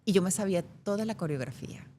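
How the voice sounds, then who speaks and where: A middle-aged actress from Venezuela, telling stories in a lively way during a casual interview. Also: female voice, mid-range voice, quick pace, a little hiss or hum. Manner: lively anecdotal storyteller. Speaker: actress guest.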